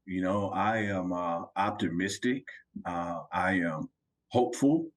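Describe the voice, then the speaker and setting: A man's voice: deep voice, measured pace. A man with a Southern US accent and a folksy drawl, chatting casually about sports as a commentator on a talk show.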